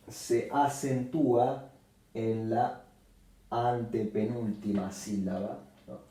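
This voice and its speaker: A man teaches a grammar lesson at a very slow, deliberate pace, repeating each example word. His voice is mellow and dark. He stands away from the mic in a strongly echoing room. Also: medium pitch, far from the mic. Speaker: Spanish teacher.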